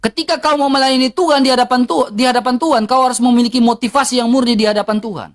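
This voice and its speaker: A woman's voice: fairly high pitch, fairly even intonation, fast talker. A woman with an eastern Indonesian accent, ranting heatedly and bluntly to her livestream viewers, repeating herself for emphasis.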